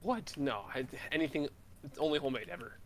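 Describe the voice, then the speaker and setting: A man's voice: fairly high pitch, lively intonation, fast. A man co-hosting a podcast, playful and teasing in casual chat. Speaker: podcast co-host.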